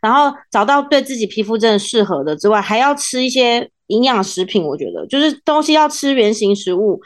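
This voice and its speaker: A woman with a Taiwanese accent hosting a casual podcast chat in an expressive, playfully teasing way. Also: fairly high pitch, fairly quick. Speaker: podcast host, former radio presenter.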